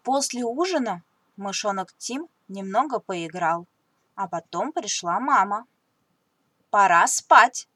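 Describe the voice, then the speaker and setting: Slow, bright woman reading a storybook. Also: medium pitch, animated, breathy edge, no echo. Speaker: narrator.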